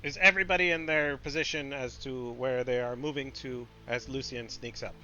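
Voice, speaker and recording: A man's voice: medium pitch, steady tone, normal speed, pushed and bright. A man acting as game master, casually narrating a tabletop game. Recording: dull lo-fi audio, faint music. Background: faint music.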